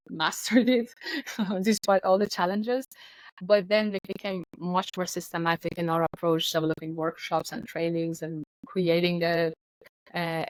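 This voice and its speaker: Lower-voiced woman. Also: no room sound, low-quality recording. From Iran. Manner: articulate, assured explanations. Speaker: guest. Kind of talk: podcast interview.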